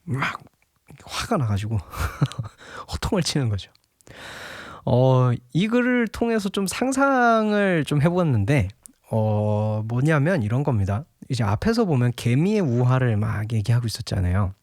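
A man's voice: medium pitch, very animated, unhurried, no room sound, studio quality. A young man giving a casual devotional Bible talk, chatty and laughing often, at times acting out a scolding father.

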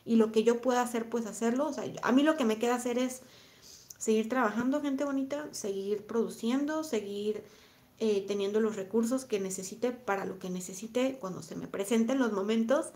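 A woman with a Mexican accent, in her thirties, talking on a live stream and answering chat comments in a reflective, soft-spoken way, often repeating her phrases. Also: a little high, normal speed. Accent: Mexican Spanish. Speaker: vlogger reading live chat.

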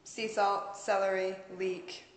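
A woman's voice: mid-range voice, level tone, slow pace. Bubbly woman hosting a kitchen vlog. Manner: bubbly, giggly, chatty. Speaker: cooking vlog host. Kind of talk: casual cooking demo. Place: large home kitchen, indoors. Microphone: camera mic across the room. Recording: echoey kitchen with hiss.

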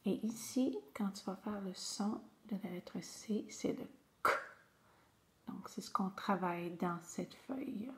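A woman's voice: medium pitch, unhurried, few pauses, whispered. A woman teacher, patiently guiding young children through a reading lesson and repeating each word several times.

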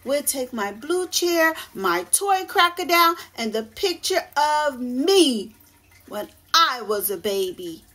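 A sulky, determined little storybook boy , read by a woman, speaking in a high voice. His words come slowly and deliberately. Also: expressive, sharp tone, heavily acted. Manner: slow, muttering and exclaiming.

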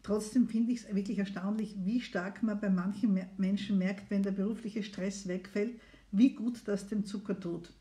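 At a moderate pace, her mellow mid-range voice holds a steady tone. She is a middle-aged doctor leading a live phone consultation stream, keeping the talk casual, friendly and encouraging as she invites calls from viewers.

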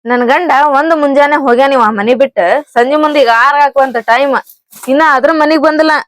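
A sharp-tongued village wife from a cartoon comedy, voiced by a woman, firing off rhetorical questions in a North Karnataka accent. Her voice sits high and the words tumble out fast. A faint hiss lies underneath. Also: steady tone, close to an everyday voice. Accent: North Karnataka Kannada. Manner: scolding, rapid-fire rhetorical questions. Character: quick-tongued, nagging village wife, fiery.

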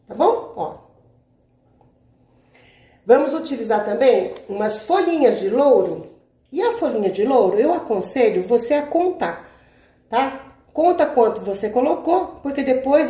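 A Brazilian cooking channel host with a high-pitched, dark-toned voice runs a home cooking tutorial, chatting casually with viewers. She checks in every few words with "tá?" and addresses them as "gente." She's off-camera in an indoor home kitchen, recorded by the camera mic in an echoey room.

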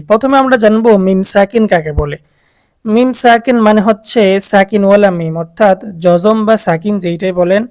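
A Quran reading teacher with a Bangladeshi Bengali accent gives a recorded lesson, explaining rules slowly and patiently, repeating key points and asking the learners questions. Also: medium pitch, darkish tone.

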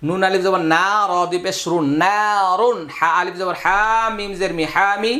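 A man teaching Quran reading, spelling out syllables one by one and then drawing whole words out slowly. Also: high-pitched, fairly even intonation, bright, forceful tone. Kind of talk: slow letter-by-letter spelling lesson.

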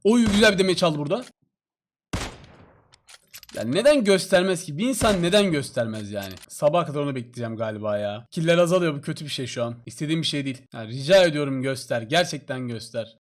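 A man commentating his own mobile shooter gameplay live to viewers, hoarse from shouting, talking casually with sudden excited yelps and repeated calls. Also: on the high side, fast, a little hiss or hum. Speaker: mobile shooter game streamer.

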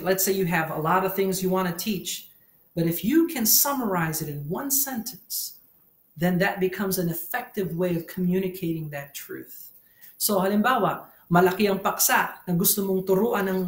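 A man's voice: high voice, normal speed. A man in his thirties with a Filipino accent, giving a teaching sermon at a pulpit, switching between languages, repeating key phrases and asking questions. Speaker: pastor. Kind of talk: bilingual church teaching sermon. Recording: echoey room.

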